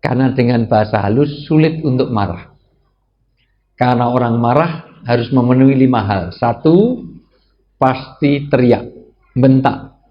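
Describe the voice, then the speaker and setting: In a slightly dull lo-fi recording with faint ambience, a male Islamic preacher jokes his way through a sermon before a live crowd. He's unhurried and leaves long pauses, then swings into high exclamations.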